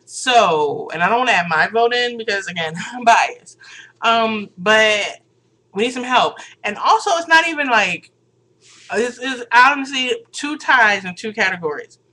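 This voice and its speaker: A woman's voice: a little high, expressive, measured pace, bright, forceful tone. A woman vlogging casually, chatty and sassy, rambling and laughing often. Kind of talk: casual unscripted vlog.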